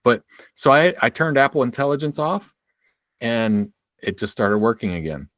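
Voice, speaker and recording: A man's voice: medium pitch, lively intonation, moderate pace, a bit bright, dry recording. A man co-hosting a podcast, telling stories in an easygoing way with hedging fillers. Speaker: podcast co-host. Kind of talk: casual chat.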